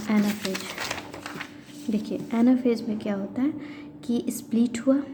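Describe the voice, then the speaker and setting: A woman teaching biology, explaining step by step in a patient lecture style with frequent pauses. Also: a little high, warm tone. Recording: faint background noise.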